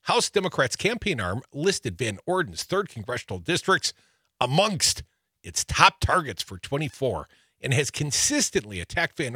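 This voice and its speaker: A man's voice: medium pitch, bright, forceful tone, husky, dry recording, studio quality. A man from Wisconsin co-hosting a political talk show, reading news items aloud with wry, joking asides. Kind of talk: casual political banter.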